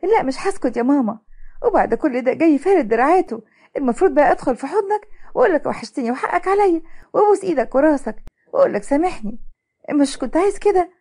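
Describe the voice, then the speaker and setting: A woman's voice: sits high, animated, very fast, mellow, voice pushed up. A woman voicing a bitter young female doctor who speaks coldly and sarcastically, with an Egyptian accent. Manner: cold, cutting, sarcastic.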